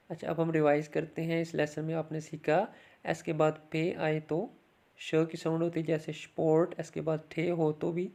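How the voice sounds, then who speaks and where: A patient language teacher who walks through each sound at an unhurried, measured pace. The voice is low-key and gravelly, holding an even, level tone with little rise or fall. Each word gets said twice, slowly, so the learner can copy it. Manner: patient, step-by-step explanations. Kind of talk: recorded online language lesson.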